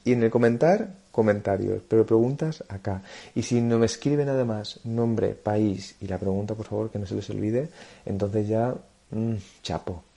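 A man's voice: lowish voice, dark tone. A man hosting a live online show, chatty and hesitant, often repeating words as he introduces his guest. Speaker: livestream host. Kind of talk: casual live interview hosting.

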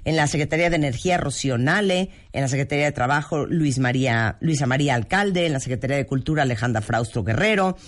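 A man's voice: medium pitch, quick pace, hardly any pauses. A man with a Mexican accent hosting a radio show, talking in an emphatic, preachy way and reeling off lists. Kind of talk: casual opinion talk on air. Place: radio studio.

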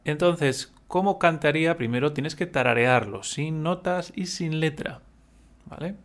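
Slow-talking man teaching a music lesson. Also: fairly high pitch. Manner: patient, explains step by step, hums examples.

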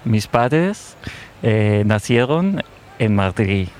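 A man's voice: lowish voice, sing-song, drawn-out words, darkish tone, slight background noise, heavily acted. A man playing a pompous self-styled francophile. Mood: mock-serious. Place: outdoors in a city square.

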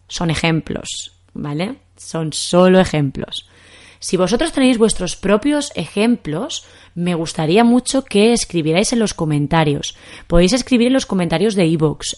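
A young woman from Spain teaches a podcast language lesson in Castilian Spanish. She talks slowly and patiently, working through one example after another, and her voice sits a little on the low side. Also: a little mellow.

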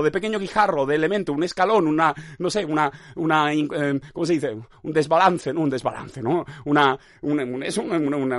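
A man's voice: a little high, no echo, studio quality. A man hosting a podcast in a rambling, playful philosophical monologue, repeating phrases and often asking his listeners if they follow. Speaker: podcast host.

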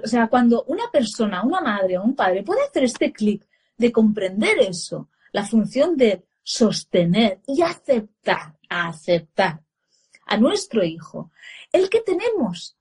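A woman from talking about parenting in lively conversation, often chiming in to agree. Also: fairly high pitch, slightly rough. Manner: animated, quick agreement. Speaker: co-speaker on parenting. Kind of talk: conversational talk.

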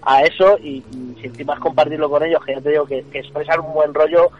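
A man from a band, a songwriter, answering radio interview questions in a relaxed, slangy way. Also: on the high side, fast. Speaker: band member, guitarist-songwriter. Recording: slightly dull radio sound.

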